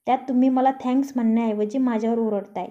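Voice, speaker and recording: A woman voicing a young wife who answers calmly, with quiet dry wit, in a storybook reading. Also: fairly high pitch, fast talker, dull audio, lightly acted. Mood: calm teasing. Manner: calm, dryly teasing.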